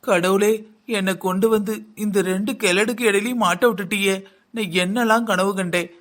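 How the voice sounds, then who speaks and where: A performer voicing a grumbling young village daughter-in-law in a cartoon, with a southern Tamil Nadu accent and a deep, almost mannish voice. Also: steady tone, brisk, fairly bright tone, natural voice. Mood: complaining. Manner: sarcastic, complaining. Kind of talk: village comedy cartoon dub.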